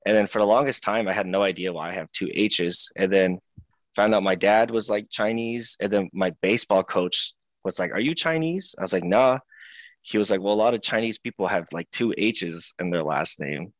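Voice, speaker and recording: A young man from Seattle talks in a very low voice, relaxed and chatty, tripping over little fillers and restarts as he answers interview questions. The sound is dry and close, with no room around it. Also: moderate pace, no echo. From Seattle, United States. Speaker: professional wrestler, guest. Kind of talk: casual interview talk.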